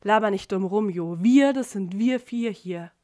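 A woman's voice: medium pitch, a little slow, dry recording, clean studio sound, lightly acted. A woman reading a pushy, fanatical young man. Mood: forceful. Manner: forceful, pushy.

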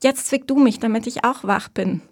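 A woman voicing an excited young girl who is about to be married, talking in a breathless, bubbly rush. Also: mid-range voice, normal speed, close to an everyday voice.

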